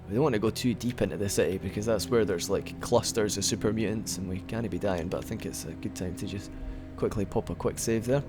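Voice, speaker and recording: With music in the background, a young man delivers rambling let's play commentary in a lowish voice. He talks quickly with few pauses, stays chatty, often restarts, and hiccups from time to time.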